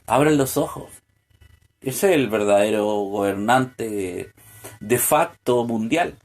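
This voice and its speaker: A Chilean podcast host delivers a solo political monologue in a lowish, animated, slow voice. It's full of hesitant fillers and restarts, and it builds to pointed rhetorical questions.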